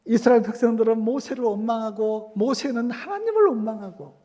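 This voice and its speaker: A man's voice: very high-pitched, lively intonation, fairly quick, mellow. A male pastor giving a sermon emphatically, repeating key words and asking rhetorical questions. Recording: reverberant church hall.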